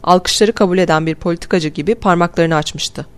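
A woman's voice: fairly low pitch, a little fast, smooth. Woman narrating an audiobook. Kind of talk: scripted narration.

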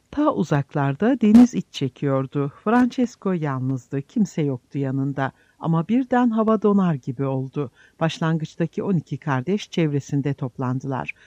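A male narrator with a fairly high yet mellow, warm voice reads in a measured, solemn pace. The sound is dry and close, with a slightly dull, lo-fi band. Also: dry recording. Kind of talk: scripted audiobook narration.

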